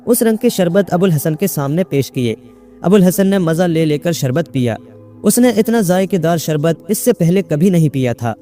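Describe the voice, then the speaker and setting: A man narrating a folk tale in a steady, measured storytelling manner. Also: fairly high pitch.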